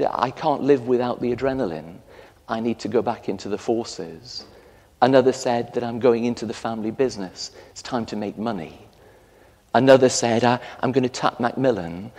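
A man in his fifties with an English accent, a parish priest delivering a storytelling sermon with lively gestures in a large stone church. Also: medium pitch, normal speed. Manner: storytelling, animated gestures while preaching. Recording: long church reverb.

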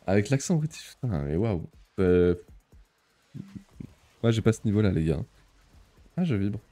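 A man's voice: low voice, measured pace, mellow, soft background music. A young man chatting casually on a live stream, reading the chat aloud, laughing often and using many fillers.

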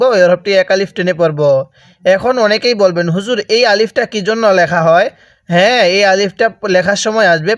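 A man with a Bangladeshi Bengali accent teaching Quran recitation step by step. He explains each rule, asks and answers his own questions, and draws out the Arabic words slowly to demonstrate them. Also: high-pitched, no echo, clean studio sound. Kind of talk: step-by-step spoken lesson with recited examples.

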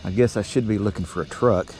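This middle-aged fishing vlogger speaks fast in a lowish voice, chatting in a folksy, casual way as he fishes outdoors from a small boat on calm water. Faint music plays behind him, and his body-worn action camera picks up steady outdoor noise.

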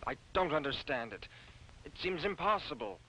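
A curious sidekick, always asking and proposing ideas. His tone is bright and fairly high, in the manner of old film dubbing. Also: lively intonation, normal speed, a little hiss or hum, rough recording. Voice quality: questioning, eager. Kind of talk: 1950s dubbed film dialogue.

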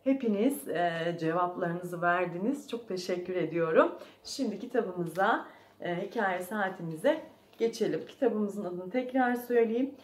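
A preschool teacher reading a storybook aloud to young children, gently asking them questions, recorded in an echoey room. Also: female voice, on the low side, expressive, a little slow.

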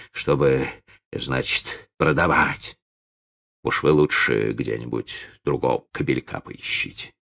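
Man as an old organ-grinder, low, quiet, humble dignity, audiobook. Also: gravelly, exaggerated voice. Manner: slow, quiet, respectful.

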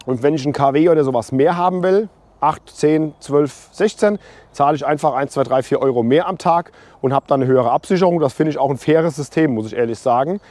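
A man's voice: a little high, brisk, darkish tone, no room sound. Chatty German-speaking man vlogging outdoors. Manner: chatty, opinionated, addresses viewers directly. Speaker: camping vlogger. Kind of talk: casual walk-and-talk review. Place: outdoors on a campground. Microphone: small clip mic on hoodie, camera held at arm's length.

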